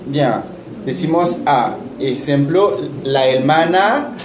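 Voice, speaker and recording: A man teaching in a classroom, slowly repeating words for students to echo. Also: a little high, animated. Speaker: Haitian Creole teacher. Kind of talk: classroom lesson. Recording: echoey classroom with faint noise.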